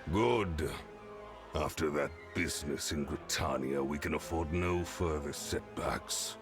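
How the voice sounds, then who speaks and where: A menacing game sovereign speaks in an extremely deep, gravelly growl. He is slow, formal and commanding, with prominent music behind him. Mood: stern suspicion. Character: stern, menacing male sovereign giving orders.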